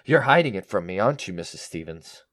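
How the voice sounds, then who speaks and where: In an audio drama with first-person narration, an actor plays a greedy, paranoid man unravelling into murderous madness, frantically accusing in an agitated, theatrical style. His low voice is fast and a bit bright, with big swings in pitch.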